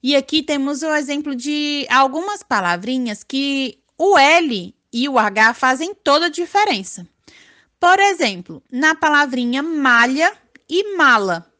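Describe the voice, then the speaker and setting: A woman teacher with a Brazilian accent giving an online lesson to young children, stretching words out syllable by syllable in a slow, sing-song way. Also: sits high, expressive, bright, forceful tone. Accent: Brazilian Portuguese. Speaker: primary school teacher.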